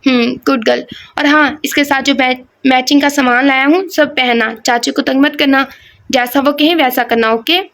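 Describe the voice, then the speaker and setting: A playful young man who teases and coaxes his fiancée in a storybook romance, read by a woman. The voice sits high and light, and his lines come in a fond, wheedling tone. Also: steady tone, fairly bright tone. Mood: teasing. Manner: playful, coaxing.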